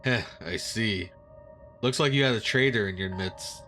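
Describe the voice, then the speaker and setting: A man reading the lines of a calm, sardonic American man in a detective story game, with a dry, unimpressed delivery. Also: mid-range voice, a little fast, faint music behind, close to an everyday voice. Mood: smug.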